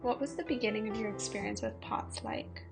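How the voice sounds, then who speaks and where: A woman narrating and asking interview questions in a clear, read-aloud way. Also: medium pitch, brisk. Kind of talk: scripted narration. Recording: music underneath.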